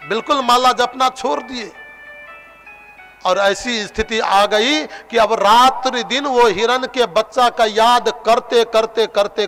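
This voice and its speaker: A man from eastern India delivers a devotional sermon at a gathering. His voice sits high for a man. Faint music plays softly under the live broadcast. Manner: acts out quoted voices in his storytelling, with sung phrases. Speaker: katha preacher. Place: outdoor religious gathering with sound system.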